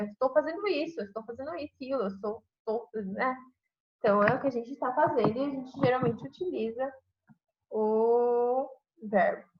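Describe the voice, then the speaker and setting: A woman with a Brazilian Portuguese accent, an English teacher explaining grammar step by step in a class and tagging "né?" onto her sentences. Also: sits high. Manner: explains step by step, says "né?" constantly. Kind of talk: online class grammar review. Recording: dull lo-fi online class audio.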